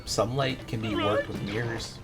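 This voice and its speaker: Low voiced guy, slangy and teasing, co-commentating a game, music in back. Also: fairly even intonation, normal speed. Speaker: let's play co-commentator. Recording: game music playing behind.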